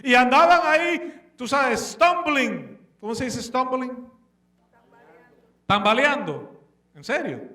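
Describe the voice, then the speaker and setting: Male preacher, very high and bright, animated and questioning, distant mic in a roomy church hall. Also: takes it slowly, long pauses. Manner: slips English words into his speech. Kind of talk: sermon. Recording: echoey room, distant mic.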